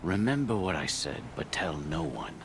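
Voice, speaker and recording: A very deep, gravelly mystic. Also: male voice, very animated, background noise, heavily acted. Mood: cryptic, secretive. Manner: cryptic, halting, portentous. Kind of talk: video game character dialogue.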